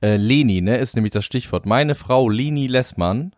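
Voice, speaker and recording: A man's voice: medium pitch, lively intonation, moderate pace, a little mellow, dry recording, clean studio sound. A man bantering casually as a podcast co-host, with a wry, tongue-in-cheek way of talking.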